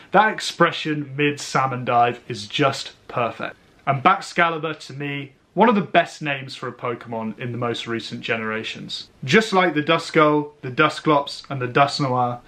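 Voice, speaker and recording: Man giving an expressive card review. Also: a little high. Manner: expressive, eloquent wording mixed with casual slang. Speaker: trading card reviewer and host. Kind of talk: scripted review narration with casual pack-opening commentary.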